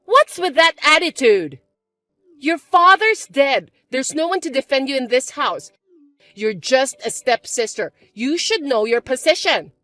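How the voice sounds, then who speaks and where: A woman putting on a shrill, spiteful stepsister. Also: lively intonation, normal speed, faint music behind. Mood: mocking. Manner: shrill, mocking and shouty. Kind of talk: chat-story voice acting.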